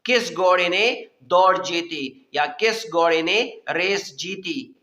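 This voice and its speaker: Male language teacher, very slow and careful drilling of example sentences, roomy echo. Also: high voice, bright, forceful tone. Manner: reads English examples very slowly, then translates in quicker Urdu. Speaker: English teacher. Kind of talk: bilingual grammar lesson.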